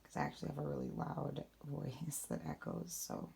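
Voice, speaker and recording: A young woman with a raspy voice, talking low and quietly late at night in a rambling, casual vlog. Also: flat delivery, moderate pace, slight background noise. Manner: rambling, many fillers. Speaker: vlogger. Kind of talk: casual spiritual how-to vlog.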